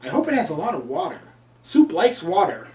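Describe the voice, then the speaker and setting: A man's voice: high-pitched, huge pitch swings, brisk, darkish tone. A man reviewing an old comic book with sarcastic, crude asides. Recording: roomy, from a distance.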